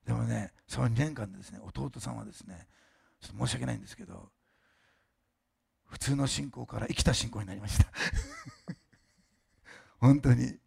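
An older man preaching a sermon and telling a testimony at a fast clip. His voice is heavily gravelly and husky. He talks with emphatic, chatty asides, breaks off and restarts, and now and then his words slur. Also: mid-range voice. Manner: fast-talking, admits slurring lately. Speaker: pastor.

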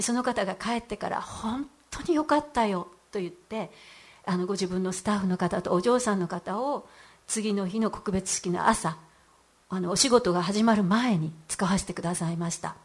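A middle-aged woman giving a heartfelt church testimony in an earnest voice, with frequent hesitant fillers. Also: medium pitch.

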